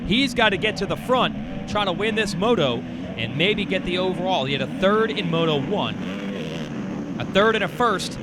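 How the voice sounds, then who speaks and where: A man working as a motorsport commentator, calling a race play-by-play in an excited, emphatic way. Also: high voice, moderate pace, very noisy. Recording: loud music bed behind the voice. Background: loud music.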